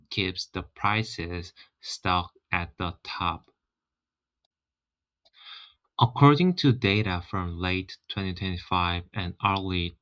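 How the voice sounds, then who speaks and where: Slow, deep-voiced Korean man. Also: a bit bright. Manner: friendly, chatty, often fills with "you know". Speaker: channel host. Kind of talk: casual explainer vlog.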